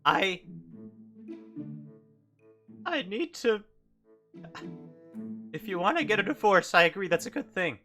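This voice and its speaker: A man's voice: high voice, sing-song, takes it slowly, long pauses, bright, forceful tone, soft background music, voice pushed up, exaggerated voice. A man doing a flustered storm sorcerer.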